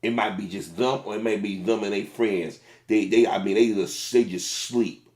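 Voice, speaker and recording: A middle-aged man, a former fast food manager, giving casual, plain-spoken commentary on a video. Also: fairly low pitch, a little mellow, reverberant.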